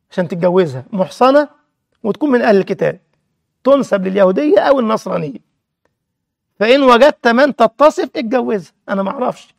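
A man's voice: high voice, vocal fry, no room sound. A man with an Egyptian Arabic accent teaching a religious lesson, who keeps quizzing his listeners with rhetorical check questions.

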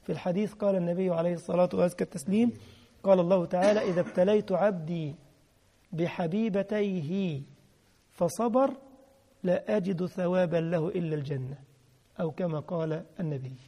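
A man's voice: high voice, brisk, mellow. A man preaching a sermon with an Egyptian accent, emphatic, repeating key phrases and quizzing his listeners. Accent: Egyptian Arabic. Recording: long hall reverb.

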